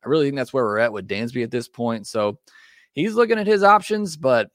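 A man's voice: mid-range voice, lively intonation, brisk, no room sound. Man, sports podcast host, chatty and opinionated, dry close recording. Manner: conversational, opinionated, many fillers. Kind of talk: casual sports talk.

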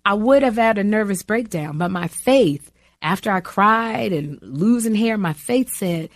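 A woman's voice: medium pitch, animated, unhurried, no echo, studio quality. A middle-aged woman speaking candidly and emotionally about faith, bringing her stories to life with quoted voices. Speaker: guest.

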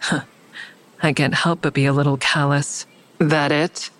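In a deep, steady, unhurried voice, an actress plays the lead and narrator of a first-person audio drama thriller, a callous, guarded woman. Between narration and dialogue, her delivery stays restrained and probing, with a tense, guarded mood.

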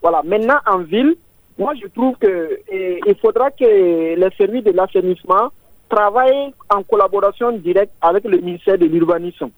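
A caller's voice comes through a thin, tinny phone line, dry with no room around it. He's a man with a fairly high voice, speaking earnestly and stumbling over repeated words as he hunts for the right term. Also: moderate pace, no echo. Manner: earnest, repeats words while searching for them. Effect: voice heard over a phone line on air. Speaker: caller to a radio show. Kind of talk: call-in comment on a public issue.

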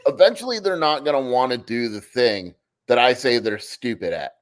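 A man's voice: mid-range voice, lively intonation, moderate pace. A man co-hosting a sports podcast in casual chat, pressing his opinions and leaning on "like" as he argues. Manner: opinionated, argues points with repeated "like". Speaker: podcast co-host.

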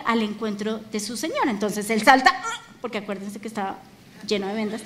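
High-voiced woman preaching a sermon. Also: slight background noise. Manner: emphatic, rising to calls and dropping low for intimate points. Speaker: pastor.

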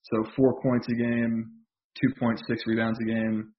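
A man co-hosting a podcast, talking basketball casually with lots of pauses and restarts. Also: medium pitch, monotone, highs cut off. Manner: hesitant, many fillers and restarts. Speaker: podcast co-host.

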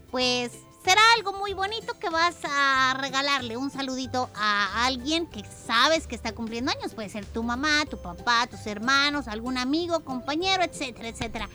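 A woman's voice: high voice, sharp tone. A woman co-hosting a religious children's radio show in a conversational, encouraging way.

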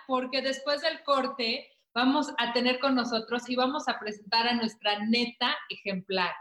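A woman co-hosting a talk show speaks earnestly with feeling. Her voice is fairly high, and the room adds echo. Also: steady tone, normal speed, fairly bright tone. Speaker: co-host. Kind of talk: casual TV chat. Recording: echoey room.

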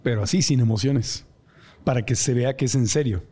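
A man's voice: medium pitch, a little fast, dark tone, breathy edge. A man hosting a podcast, chatting casually and joking with his guest. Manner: jokey, laughs easily. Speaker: podcast host.

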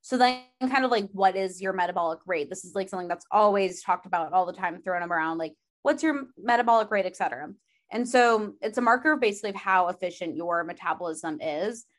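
A young woman co-hosting a podcast, her voice a little hoarse and lower than usual from a sore throat. She explains in a loose, chatty way, leaning on "like" as filler. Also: a little fast. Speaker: podcast co-host. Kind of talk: casual chat.

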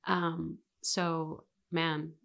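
Woman, podcast host, slow pace, lowish voice, hesitant phrasing. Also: level tone, creaky, fairly bright tone. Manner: hesitant, searching for words. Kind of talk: casual interview.

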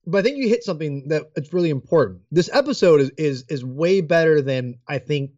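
Chewing gummies as he talks, a podcast co-host lays out the plan and offers easygoing opinions in a casual chat. He has a fairly high, darkish voice with lively intonation and a fairly quick pace, on a lo-fi recording without echo.

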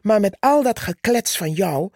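A woman's voice: medium pitch, animated, measured pace, warm tone, dry recording, studio quality. A woman voicing a haughty, boastful male tree who talks down to others, in a storybook reading. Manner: condescending, scornful.

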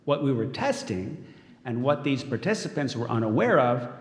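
Here a man with a mid-range voice and wide pitch swings speaks at normal speed, lightly acted, as a smug tech mogul in an audio drama. Proud and boastful, he delivers a polished, self-satisfied speech to unveil his android, and the controlling character's words echo through a large event hall with a crowd in the background.

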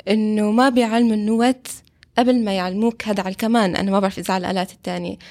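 A woman's voice: mid-range voice, fairly even intonation, very fast, darkish tone. A woman with a Levantine Arabic accent, a violin teacher, sharing personal experience in a casual discussion.

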